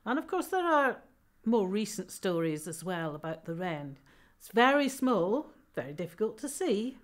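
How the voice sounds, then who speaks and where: Lively woman telling a folk tale. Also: medium pitch, normal speed. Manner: lively, emphatic, with fillers. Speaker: storyteller explaining folk tradition. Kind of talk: storytelling talk.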